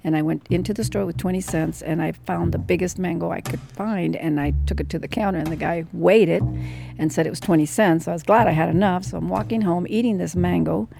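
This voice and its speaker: Woman, 60s, low gravelly voice, lively personal storyteller. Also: brisk, music in the background. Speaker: interviewee.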